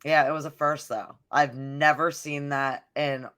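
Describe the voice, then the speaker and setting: A woman's voice: low voice, little pitch movement, measured pace, fairly bright tone. Chatty woman podcast co-host. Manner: chatty storyteller, fills talk with "like". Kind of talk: casual chat.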